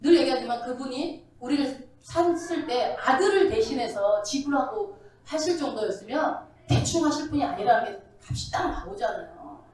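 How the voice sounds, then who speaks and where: A woman's voice: sits high, animated, normal speed, a little mellow, a little hiss or hum. A woman pastor preaching a sermon in a church, asking the congregation questions. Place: church sanctuary. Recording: very echoey, distant from the mic.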